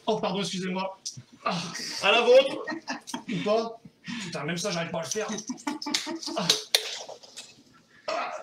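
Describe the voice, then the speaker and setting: A man hosting a casual livestream from home on a webcam, out of breath and excitable, swearing and laughing between segments. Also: sits high, unhurried, pauses often, heavy background noise. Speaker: livestream host. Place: home room.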